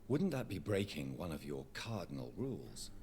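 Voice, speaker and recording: An actor voicing a grave, courteous gentleman vampire doctor in a video game, with a formal, earnest manner. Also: deep voice, very animated, normal speed, slight background noise. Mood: questioning, deferential. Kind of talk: dramatic video game acting.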